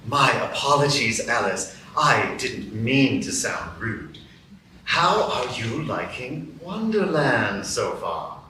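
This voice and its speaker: A man voicing the Cheshire Cat, a sly, teasing and mysterious cat, in a slow, drawling, mocking way in a live radio play. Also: medium pitch, big pitch swings, pushed and bright, heavily acted. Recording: echoey room, mic from far off, faint background noise.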